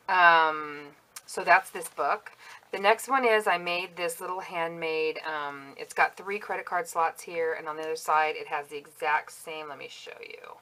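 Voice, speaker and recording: A woman with a fairly low voice talks casually through her handmade planner, stopping often with ums and small asides. She is chatty and picks at her own flaws as she goes. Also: pushed and bright, rough recording. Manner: chatty, self-critical, full of ums and asides. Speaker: planner crafter vlogger. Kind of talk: casual show-and-tell walkthrough.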